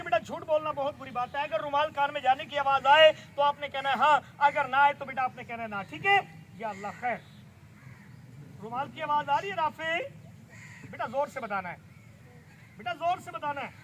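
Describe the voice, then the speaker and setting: A middle-aged man, performing magic tricks for schoolchildren outdoors, loud and showy, coaxing the kids along. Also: extremely high pitch, normal speed. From Pakistan. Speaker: stage magician. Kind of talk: live magic show patter for schoolchildren. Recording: noisy outdoor crowd. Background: crowd of children and street noise.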